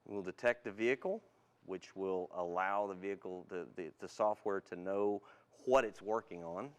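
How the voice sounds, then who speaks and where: This guest car tuning specialist has a deep, smooth voice and talks at normal speed. Interviewed about a product, he explains it in a plain, courteous, matter-of-fact way.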